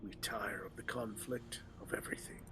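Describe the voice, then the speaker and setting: Whispering in a natural, fairly low voice with fairly even intonation, a man voices a weary ancient male dragon in a game at a moderate pace. His solemn, archaic lines include occasional stumbles from cold reading.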